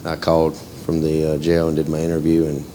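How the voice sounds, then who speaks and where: Man in his thirties, deep and monotone, unhurried storyteller. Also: a little hiss or hum. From North Carolina. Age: 30s. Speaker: program member giving testimony.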